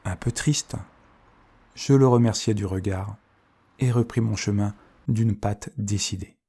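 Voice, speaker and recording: A man narrating a storybook in first person, reading softly and expressively. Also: on the low side, unhurried, husky. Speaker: audiobook narrator.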